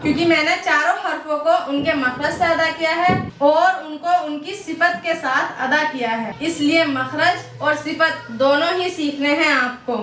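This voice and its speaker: A high-pitched woman teaches Arabic letter sounds in a patient lesson. She stretches out slow example pronunciations between explanations. Her voice sounds set back from the mic in a roomy, echoing space. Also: a bit bright, far from the mic. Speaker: Quran recitation teacher.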